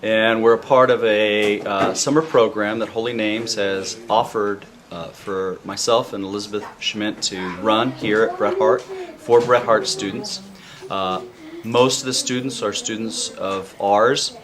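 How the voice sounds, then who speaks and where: A male middle school teacher explaining a summer program, speaking haltingly with many filler sounds. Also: lowish voice, steady tone, fairly bright tone. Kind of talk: casual explanation to camera. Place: busy school classroom. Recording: noisy classroom with chatter behind. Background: chatter of students.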